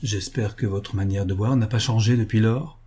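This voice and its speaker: A man reading as a sharp-witted young woman with a dry, ironic manner. The voice is dark and husky. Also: lowish voice, steady tone, normal speed.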